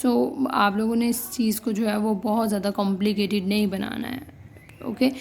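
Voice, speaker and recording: A woman's voice: medium pitch, steady tone, moderate pace, creaky, a little hiss or hum. A young adult woman teaching an English grammar lesson, switching between Hindi and English, checking in with students and spelling word endings letter by letter. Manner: addresses students as "बेटा", gently reassuring.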